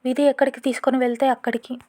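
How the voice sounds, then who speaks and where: A woman's voice: high-pitched, level tone, very fast, dark tone. A woman voicing a grieving young widow who speaks with restrained sorrow in an audio story. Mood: sorrowful.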